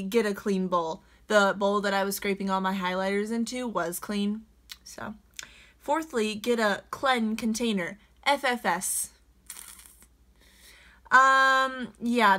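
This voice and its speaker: A woman's voice: mid-range voice, bright, forceful tone. A young woman chatting casually in a vlog, reading out comments and answering them with sarcastic, sassy retorts. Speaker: beauty vlogger reading comments.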